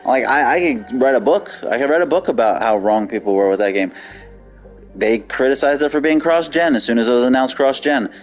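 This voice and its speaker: A man's voice: mid-range voice, expressive, fairly quick, faint music behind. A man ranting on a live game stream, heated and profane, repeating himself as he argues. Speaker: gaming streamer.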